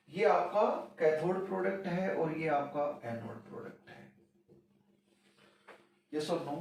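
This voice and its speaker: An Indian man teaching a chemistry class, slowly dictating definitions word by word. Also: a little high, darkish tone. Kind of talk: classroom lecture. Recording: very echoey room, voice from far off.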